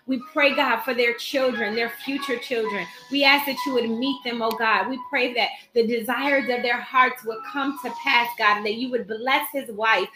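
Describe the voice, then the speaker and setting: Woman, high voice, prayer leader, urgent declarative prayer over the sick, faint music behind. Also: steady tone, moderate pace, hardly any pauses, echoey room, poor audio. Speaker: prayer leader and Bible teacher. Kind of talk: live prayer meeting, intercessory prayer.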